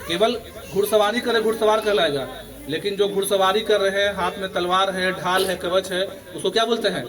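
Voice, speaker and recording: Brief: male assembly teacher, higher register, quiz-style delivery over a murmuring schoolyard crowd. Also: fairly even intonation, a little fast. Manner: quizzing students, repeating questions for chorus answers. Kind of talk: morning assembly lesson. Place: school assembly with students around. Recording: children's crowd audible behind.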